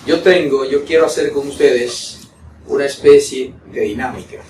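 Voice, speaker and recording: A man's voice: mid-range voice, normal speed, darkish tone. Man lecturing in an echoey room. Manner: didactic, repeats key words for emphasis. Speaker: oratory instructor. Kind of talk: classroom lecture. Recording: echoey room, voice from a distance, noisy.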